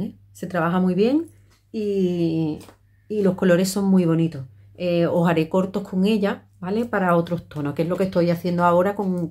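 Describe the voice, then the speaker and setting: A middle-aged woman makeup vlogger chats her way through a tutorial, using lots of fillers and restarts. Her voice is mid-range with a dark tone.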